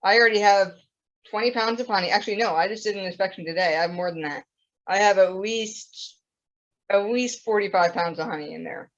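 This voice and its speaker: A woman's voice: medium pitch, a little fast. A young woman chatting casually on a podcast, rambling with plenty of fillers. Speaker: podcast co-host. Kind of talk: casual chat. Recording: dull lo-fi audio.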